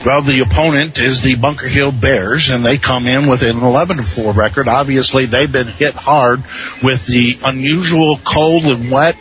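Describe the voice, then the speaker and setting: A man giving conversational pregame softball commentary as a sports broadcaster, with halting, hesitant phrasing. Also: mid-range voice, fairly even intonation. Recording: dull lo-fi radio feed with noise.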